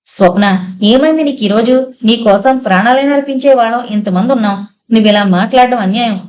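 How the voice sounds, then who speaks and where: A woman's voice: on the high side, fairly quick, darkish tone, natural voice. A woman voicing a worried young woman friend who pleads sorrowfully, in an audiobook story. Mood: pleading.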